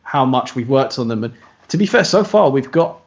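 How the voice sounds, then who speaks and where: A man's voice: medium pitch, animated, moderate pace, highs cut off, slight background noise. A man, a band member chatting loosely in an interview, often restarting his sentences. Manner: rambling, self-correcting. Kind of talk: casual video call interview.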